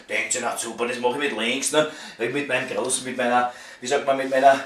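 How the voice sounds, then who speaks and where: A man's voice: mid-range voice, fairly even intonation, fast talker, fairly bright tone. A man in his fifties with a Viennese accent rants casually like a grumbling waiter, swearing and stumbling over repeated words in agitation. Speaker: waiter venting about the job. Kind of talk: casual rambling vlog rant. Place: at home, indoors. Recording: roomy echo, distant mic, clicks and noise.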